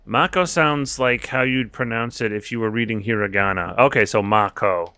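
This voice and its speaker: A man's voice: medium pitch, normal speed, sharp tone, smooth, dry recording. A man streaming a video game, chatting casually with jokes and swearing as he plays. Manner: chatty, joking, profane. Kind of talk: casual gameplay commentary.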